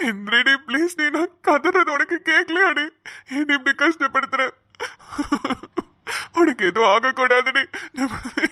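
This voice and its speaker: Lady doing a crying young guy in a cartoon, begging over and over, high bright voice, dry sound. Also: no echo. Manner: pleading, sobbing, repeating her name. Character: young man, devoted lover, distraught. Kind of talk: animated cartoon voice acting.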